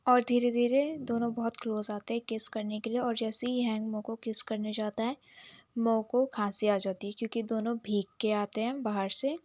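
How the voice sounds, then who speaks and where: A woman's voice: a little high, flat delivery, moderate pace, a little mellow, dry recording. A woman narrating a casual, chatty, plot-by-plot recap of a romance series.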